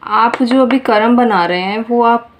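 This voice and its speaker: A woman's voice: a little high, unhurried, a little hiss or hum. A woman giving a tarot reading to her viewers in a casual, earnest way, often repeating phrases and speaking to them directly. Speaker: tarot reader.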